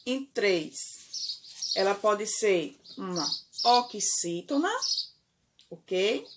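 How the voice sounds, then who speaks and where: Brazilian woman primary teacher, unhurried, drawn-out words, keeps checking the kids follow. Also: medium pitch, animated, noisy background. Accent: Brazilian Portuguese. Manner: slow, deliberate, stretches key words, frequent "certo?" and "ok?". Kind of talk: remote classroom lesson.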